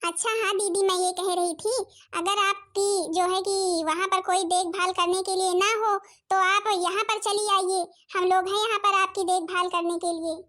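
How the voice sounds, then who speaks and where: Sugary younger bahu, coaxing, very high voice. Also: female voice, level tone, moderate pace, bright, forceful tone. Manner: coaxing, ingratiating. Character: sweet-talking younger daughter-in-law, eager to please. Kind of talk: cartoon comedy voice acting.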